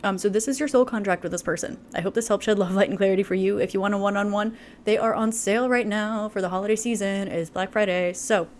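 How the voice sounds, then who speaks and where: A woman's voice: medium pitch, steady tone, fast, few pauses, a little hiss or hum. A woman giving a casual tarot reading to camera, chatty and full of fillers, laughing often. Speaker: tarot reader.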